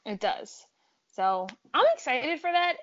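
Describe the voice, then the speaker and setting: A woman's voice: high-pitched, big pitch swings, a little slow, highs cut off. A woman co-hosting a casual trailer-reaction chat, chatty and enthusiastic. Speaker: co-host.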